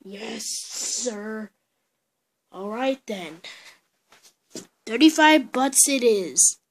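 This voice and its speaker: A home toy play video where one storyteller improvises every character in a slow, halting, playful way. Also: mid-range voice, expressive.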